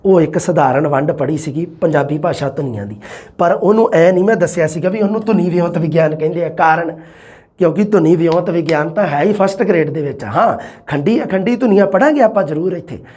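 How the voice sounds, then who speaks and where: A man's voice: a little high, darkish tone. A male teacher with a Punjabi accent giving an exam-prep lecture, asking rhetorical questions and acting out his students' answers.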